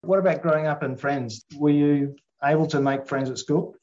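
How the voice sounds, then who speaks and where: A man's voice: a little high, fairly even intonation, normal speed, darkish tone. An Australian man hosting a community radio interview in a plain, informal and slightly hesitant way. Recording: dull, lo-fi radio audio.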